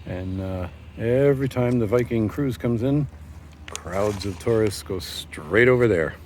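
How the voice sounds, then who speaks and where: A man narrating a casual walking tour of an old fortress outdoors, rambling with many pauses and fillers, recorded on a handheld camera mic. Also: fairly low pitch, darkish tone, slight background noise. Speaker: tour guide vlogger.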